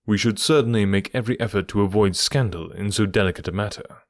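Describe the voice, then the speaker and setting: A man's voice: lowish voice, quick pace, dry recording, studio quality, lightly acted. A man voicing a cool, composed male detective, speaking firmly and with restraint.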